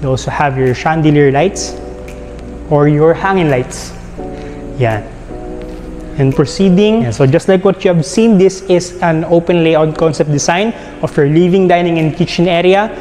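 A man's voice: fairly high pitch, moderate pace. A man with a Filipino accent walking through a house for sale, listing its features in a chatty guided-tour way. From Philippines. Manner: walking while narrating, listing features with frequent "yan" and "no" tags. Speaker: real estate tour guide. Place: large empty house, indoors. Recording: echoey rooms with soft background music.

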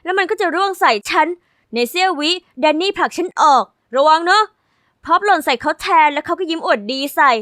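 A woman tells a first-person diary story with lively, sassy energy and a fast pace. Her high voice comes across bright and forward. The recording is close and dry, with no echo or room sound.

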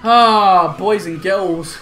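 His high-pitched voice draws out words as this young man, a gaming YouTuber, gives excited commentary while opening packs. The energy is hyped, with shouting, laughter and slangy banter, recorded in a small room at home over faint music.

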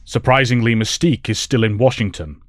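A man playing a principled professor who leads mutant heroes, speaking in a measured, formal way in an audio drama. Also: medium pitch, noisy background, close to an everyday voice. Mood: grave, measured.

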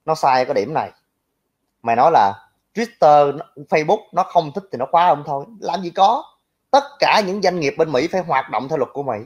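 A man's voice: fairly high pitch, expressive, brisk, husky. Young man, southern vietnamese accent, brash, crude, mocking, ranting at commenters, lo-fi dull audio. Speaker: livestream commentator. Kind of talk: ranting reaction to viewer comments.

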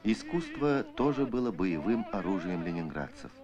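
A man narrating an old Soviet newsreel in a solemn, measured, declamatory scripted style. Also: deep voice, sing-song, dull audio. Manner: measured, declamatory documentary delivery. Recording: archival film soundtrack with music. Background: music.

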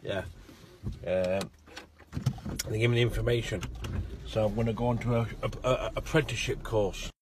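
A man's voice: lowish voice, fairly even intonation, normal speed, long pauses, background noise. A middle-aged man vlogging from inside a car on a phone held at arm's length, stammering and repeating words as he talks. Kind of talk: casual selfie vlog.

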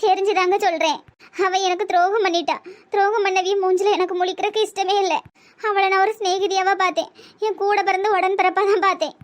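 ஒரு பெண் கார்ட்டூனில் நெல்லை வட்டார வழக்கில், மனம் புண்பட்டு அழுதுகொண்டே பேசும் வயதான பணக்காரப் பெண்ணுக்குக் குரல் கொடுக்கிறார். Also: female voice, very high voice, fairly even intonation, fairly quick. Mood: hurt, tearful. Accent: Tirunelveli Tamil. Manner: sobbing, pleading. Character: tearful elderly rich woman, proud and hurt. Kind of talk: cartoon voice acting.

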